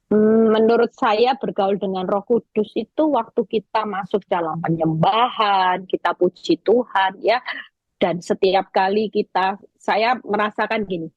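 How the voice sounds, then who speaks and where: A woman evangelist preaching over a video call, telling stories in a lively way and speaking straight to her listeners. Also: mid-range voice, unhurried, dry recording, highs cut off. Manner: lively storytelling, addresses listeners directly.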